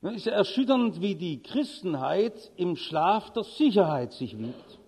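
A man's voice: sits high, sing-song, measured pace, a little mellow, husky, big-room sound. A male preacher giving a sermon, telling vivid stories and delivering urgent warnings.

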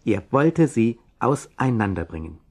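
A man's voice: mid-range voice, big pitch swings, measured pace, darkish tone. A man presenting a children's Bible program in scripted narration, instructing listeners directly.

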